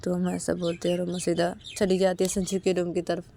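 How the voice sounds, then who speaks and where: A woman's voice: on the low side, monotone, brisk, creaky, mellow, slight background noise. A woman narrating a romantic story in a casual, repetitive way, chaining events together with filler links.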